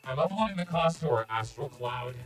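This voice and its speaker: A man's voice: mid-range voice, animated, brisk, a bit bright, faint music behind, natural voice. A man voicing a friendly, timid robot mecha pilot in a put-on robot voice while commenting on a game. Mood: polite robotic. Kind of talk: gameplay commentary, putting on voices.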